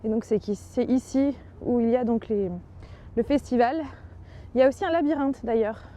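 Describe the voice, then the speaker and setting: A woman's voice: fairly high pitch, moderate pace, warm tone. A woman narrating a casual travel vlog in a chatty, enthusiastic way, with many fillers. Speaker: travel vlogger.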